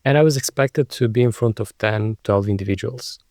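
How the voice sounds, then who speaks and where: A Romanian man, a non-native English speaker with a Romanian accent, hosts a podcast interview conversationally and sometimes searches for words. His fairly low voice is a little mellow and a little fast. The sound is clean studio audio with no room sound.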